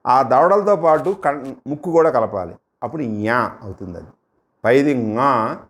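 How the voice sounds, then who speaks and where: A middle-aged man with a Telugu accent teaching grammar in a steady, mid-range voice. He drills sounds one by one, stretching each syllable so the class can copy it. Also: mid-range voice, measured pace. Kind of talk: grammar lesson.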